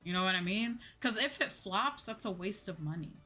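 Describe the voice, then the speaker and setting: A woman VTuber streamer chats casually while gaming, colloquial, slangy, and mildly exasperated. Her mid-range voice is animated, pushed and bright, at a moderate pace. Background music plays behind her.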